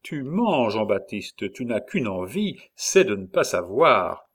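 A man's voice: on the low side, big pitch swings, slow, heavily acted. A man voicing a jovial, mocking and menacing male traveling salesman in an audiobook, teasing with many fillers. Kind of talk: audiobook character voice.

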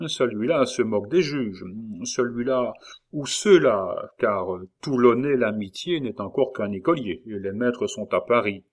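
A man's voice: medium pitch, expressive, measured pace. A man reading aloud and voicing a sly, jovial male tavern-keeper and convict who talks in a familiar, mocking way. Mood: boisterous, scheming.

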